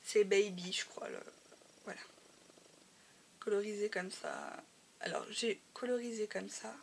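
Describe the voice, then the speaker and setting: A woman's voice: medium pitch, fairly even intonation, a little slow, vocal fry, slight background noise. A woman with a slightly nasal, stuffed-up voice, casually showing her crafts, hesitating often and sometimes dropping to a near whisper. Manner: hesitant, many fillers, drops to a soft whisper at times. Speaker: crafting vlogger. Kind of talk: casual show-and-tell.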